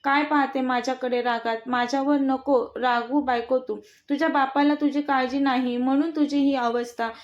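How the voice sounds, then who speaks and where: Brief: a woman reading a cocky young husband, mocking and bossy, high voice, dull lo-fi sound. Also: steady tone, normal speed, hardly any pauses, lightly acted. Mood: teasing, bossy. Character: brash teasing young husband. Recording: dull lo-fi recording.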